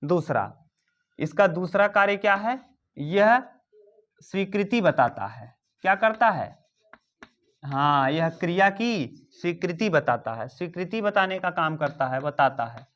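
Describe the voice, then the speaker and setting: A man's voice: high voice, animated, a little slow, fairly bright tone. Man teaching grammar, quizzing his class. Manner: repeats key terms, quizzes and dictates to students. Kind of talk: exam-prep grammar lesson.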